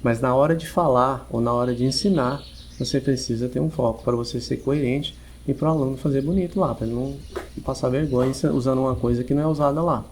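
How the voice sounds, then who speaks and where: A man with a Brazilian Portuguese accent, an English teacher giving long, measured explanations as a podcast guest, often restarting his sentences. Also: medium pitch, a little mellow, a little hiss or hum. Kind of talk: podcast interview.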